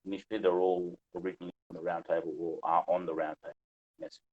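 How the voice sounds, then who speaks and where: Deep-voiced man on a dull mic. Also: little pitch movement, fast talker. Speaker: podcast panelist. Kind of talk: casual discussion podcast.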